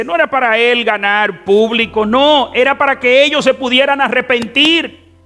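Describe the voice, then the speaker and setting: Fervent high-voiced Dominican preacher. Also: male voice. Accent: Dominican Spanish. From Dominican Republic. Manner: fervent preaching with wide swings in loudness and stretched words. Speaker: pastor. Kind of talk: sermon.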